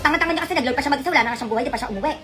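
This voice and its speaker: Woman as a nagging mother, exasperated, high voice, rapid delivery, music behind. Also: lightly acted. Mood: scolding. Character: scolding middle-aged Filipino mother, nagging. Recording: music playing underneath.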